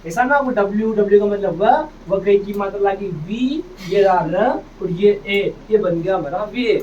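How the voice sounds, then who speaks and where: A man with a high, slightly mellow voice teaches English phonics to a class at normal speed, repeating each word and having the students say it back while calling them "beta". The classroom recording is distant, dull and noisy.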